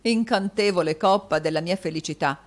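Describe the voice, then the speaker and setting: A woman's voice: on the low side, a little fast, lightly acted. A woman reading an audiobook and voicing a theatrical, pompous dandy husband with flowery, melodramatic speech. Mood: wheedling.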